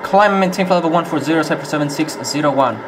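A man's voice: on the high side, noisy background. A man flying a home-cockpit airliner simulator, reading clipped pilot radio calls and checklist callouts into a headset. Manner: clipped aviation phraseology, brisk callouts.

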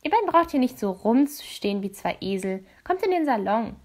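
A woman's voice: on the high side, very animated, fairly quick. A woman reading a storybook aloud, voicing a brusque fortune-teller woman who scolds and orders guests about. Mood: bossy. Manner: bossy and scolding.

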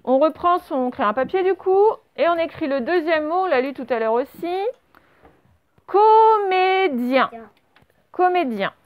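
A woman with a high voice leads a dictation lesson for young pupils. She says each word slowly and clearly, then spells it out syllable by syllable. The recording sounds slightly dull and lo-fi. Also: expressive. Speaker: primary school teacher.

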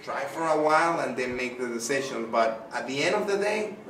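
A man's voice: mid-range voice, fairly quick. A middle-aged man from Venezuela, chatting effusively with lots of fillers as a guest answering interview questions. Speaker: artist interviewed by a child. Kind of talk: casual interview. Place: small indoor room. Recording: echoey room, distant mic, noisy.

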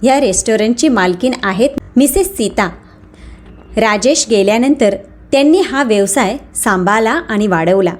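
A woman's voice: on the high side, moderate pace. Polite, composed male manager in a storybook, read by a woman. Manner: calm, polite. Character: calm, respectful male restaurant manager.

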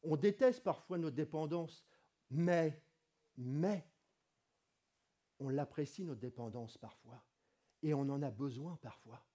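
Slightly hoarse with a cold, a middle-aged pastor preaches slowly and with frequent pauses inside a wood-walled church hall. His voice is soft and mellow though fairly high, his tone easy and conversational, and it rises whenever he reads from scripture.

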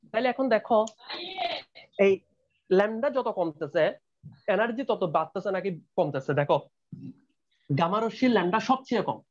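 Fast-talking male teacher, lo-fi call. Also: sits high. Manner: repetitive, checks students often. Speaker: chemistry teacher. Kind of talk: online class lecture.

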